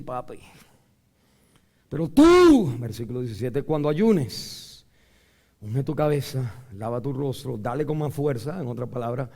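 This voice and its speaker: A man preaching a sermon as pastor, dropping to low murmurs and then climbing to loud shouted peaks. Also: gravelly.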